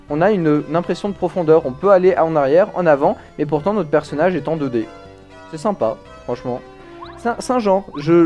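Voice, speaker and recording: A man's voice: sits high, darkish tone. A man giving chatty, self-mocking let's play commentary, stumbling over his words and restarting. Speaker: gaming YouTuber. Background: faint game music.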